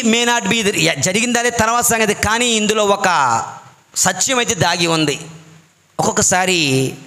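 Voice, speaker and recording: Bright high-voiced preacher man. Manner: storytelling, acts out quoted voices. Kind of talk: sermon with anecdotes.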